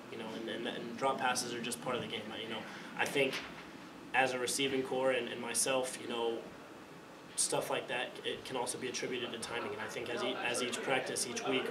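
A young man, a college quarterback, answering press questions after a game, often restarting and repeating words, speaking into a table mic in a press room. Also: mid-range voice. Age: young adult. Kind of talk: postgame press conference answers. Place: press conference room, indoors. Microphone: table mic in front of him. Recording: echoey room, distant mic, background noise.

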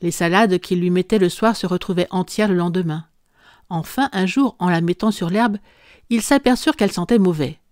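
A woman narrating a classic children's book aloud in a calm, even storytelling manner. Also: on the low side, normal speed, no echo, clean studio sound. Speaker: audiobook narrator. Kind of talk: scripted narration.

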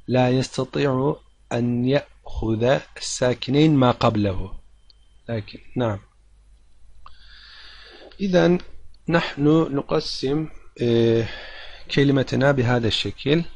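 A man teaching a language lesson, explaining step by step with frequent pauses, repeating himself and counting syllables aloud for his students. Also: mid-range voice, a little mellow, no echo. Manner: patient, halting explanation with frequent pauses and repetitions; addresses learners directly to draw their attention.

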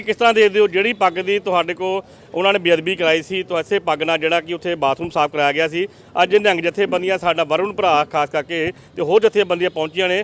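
A man working as a field reporter, briskly putting questions to people in an on-the-spot news interview outdoors. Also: sits high, a bit bright.

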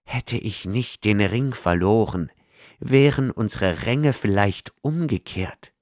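A man's voice: on the low side, takes it slowly, a little mellow, no echo, studio quality, voice pushed up. A man voicing a bitter, hateful male sorcerer slave in an audiobook, speaking with a growl. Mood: menacing. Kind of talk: audiobook character reading.

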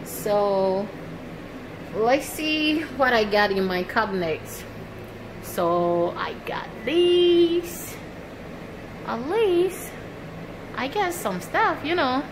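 Against a noisy background, a woman who serves in the military vlogs a walk-through of her nearly empty small apartment, holding her phone camera and staying out of view indoors. She has a mid-range voice and a slow, relaxed, chatty manner, laughing often between lines.

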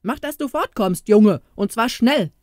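A woman voicing a rough, angry poultry dealer man who barks and scolds. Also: a little high, lively intonation, unhurried, no room sound, studio quality, voice pushed up. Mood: gruff scolding. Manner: barking, scolding.

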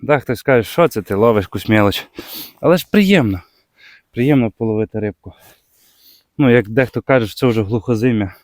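A man from Ukraine with a Bukovina accent, chatting casually as he fishes on the ice outdoors, breaking into excited exclamations when a fish bites. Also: on the low side, brisk, no echo, clean studio sound. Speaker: fishing vlogger. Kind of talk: casual commentary while ice fishing. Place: outdoors on a frozen lake.

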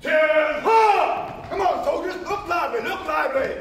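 A man's voice: extremely high pitch, lively intonation, moderate pace, fairly bright tone, heavy reverb, big-room sound, far from the mic, some chatter behind, exaggerated voice. An actor playing an abusive male army drill sergeant who barks insults at recruits on stage. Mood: barking. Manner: barking orders, insulting.

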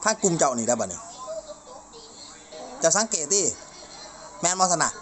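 A woman's voice: low voice, big pitch swings, normal speed, a crowd in the background. A woman with an Isan accent in casual chat, asking questions in a teasing, informal way.

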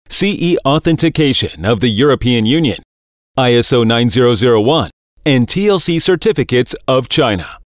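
A man reading a scripted corporate video narration, working through long lists in a steady, measured cadence. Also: medium pitch, no echo. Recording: dry voice-over.

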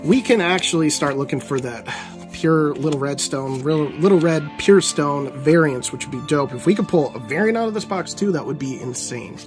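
An animated man chatting through a card unboxing, his pitch rising and falling with every pull. He moves quickly from disappointment to delight in a casual, running commentary. Music plays underneath. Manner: excitable, swings from glum to elated. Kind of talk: casual commentary while opening packs.

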